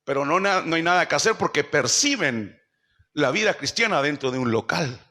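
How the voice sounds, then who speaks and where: During a church service, a male pastor preaches in a fairly high, sharp, animated voice at a moderate pace. He fires rhetorical questions at the congregation and acts out quoted speech in shifting voices.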